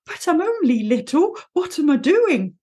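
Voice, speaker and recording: A woman's voice: high voice, very animated, warm tone, pitched above the performer's own voice. Piglet, a woman doing a tiny anxious piglet. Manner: fast, fretful, self-doubting. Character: tiny anxious young male piglet, fears looking silly.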